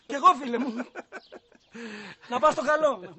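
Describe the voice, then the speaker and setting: A man's voice: very high voice, pushed and bright. An actor playing an evasive young man who answers a stranger's questions offhandedly in a sitcom. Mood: cagey. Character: evasive young man working at a big house. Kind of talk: sitcom acting.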